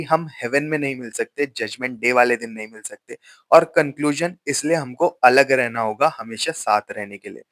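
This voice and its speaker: A man teaching a lesson, explaining a poem line by line and reading the quoted verse slowly and deliberately. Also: mid-range voice, fairly bright tone, dry recording. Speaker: literature teacher.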